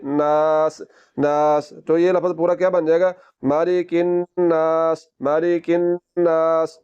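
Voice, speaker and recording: A patient man teaching tajweed step by step, voice pitched a little high and kept flat and even. His tone is mellow and smooth, and he repeats each word slowly in drawn-out recitation. The recording is slightly dull and lo-fi.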